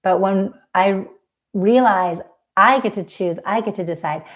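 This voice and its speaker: A woman hosting a live healing talk, speaking gently and reflectively with drawn-out words. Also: mid-range voice. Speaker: emotional healing coach and host.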